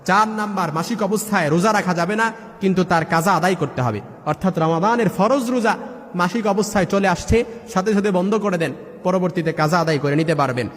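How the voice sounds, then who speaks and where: High-voiced man preaching in a reverberant hall. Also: a little fast. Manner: emphatic, lists rulings by number and recites verses. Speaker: Islamic preacher. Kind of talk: sermon.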